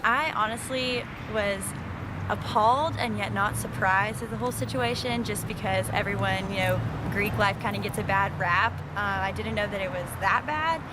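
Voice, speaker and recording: Woman in her twenties, student interviewee, earnest and measured, loud street traffic behind. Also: medium pitch. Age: 20s. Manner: earnest, measured with frequent ums. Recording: loud traffic noise outdoors.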